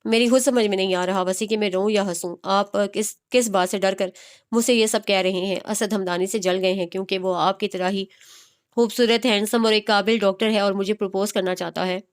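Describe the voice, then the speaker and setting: A woman's voice: mid-range voice, fairly even intonation, a little fast, clear, resonant tone, natural voice. A woman voicing a defiant young heroine who mocks the man courting her. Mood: taunting. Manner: taunting, sharp.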